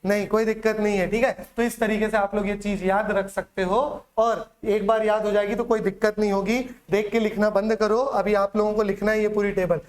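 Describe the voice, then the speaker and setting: This male teacher's high voice runs fairly quick and flat, with hardly any pauses. Lecturing in Hindi with a Chhattisgarh accent, he drills students through repeated questions, memory tricks and call-and-response.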